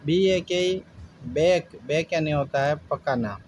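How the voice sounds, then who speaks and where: A man teaching pronunciation in a fairly high voice. He spells each English word slowly, letter by letter, then explains what it means. A faint hiss and passing traffic sit under the recording. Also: a little mellow, low-quality recording. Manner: spells words letter by letter, then gives the Hindi meaning; slows down when spelling out words. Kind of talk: spoken English phonics lesson.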